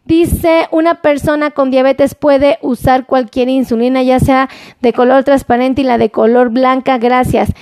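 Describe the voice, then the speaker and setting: A woman's voice: high-pitched, steady tone, unhurried, darkish tone, clean tone, no echo. A woman doctor giving a live-streamed health talk, chatty and playful, cheering on her viewers. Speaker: doctor and diabetes specialist. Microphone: phone.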